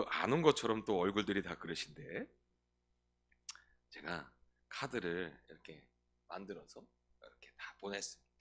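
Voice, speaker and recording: A man's voice: a little high, bright, forceful tone. A male pastor preaching a sermon, often putting questions to the congregation and answering them himself. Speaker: senior pastor.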